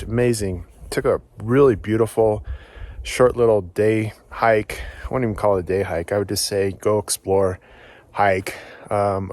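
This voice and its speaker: A man's voice: fairly low pitch, darkish tone. A man vlogging outdoors on a forest hike, upbeat and encouraging, out of breath as he climbs. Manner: upbeat, encouraging, talks while hiking. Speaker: solo backpacking vlogger. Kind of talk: casual outdoor vlog to camera.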